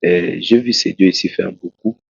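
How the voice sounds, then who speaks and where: A Congolese preacher, a man, tells his testimony in an interview, slowly and haltingly, with many restarts. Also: low-pitched, creaky, husky, no room sound. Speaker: preacher, guest. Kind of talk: testimony in a talk show interview. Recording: dull, lo-fi dry sound.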